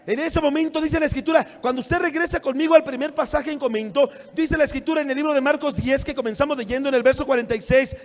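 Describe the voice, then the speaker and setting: A male pastor preaching a sermon, often shouting and acting out scenes from scripture. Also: extremely high pitch, fast talker, few pauses. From Mexico. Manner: preaching with frequent shouting and dramatic retellings. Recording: long church hall reverb.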